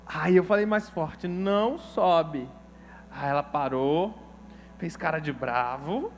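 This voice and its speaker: A man's voice: high-pitched, slight background noise. A male pastor with a Brazilian Portuguese accent preaching a sermon, telling a story in an emotional, casual way with slang.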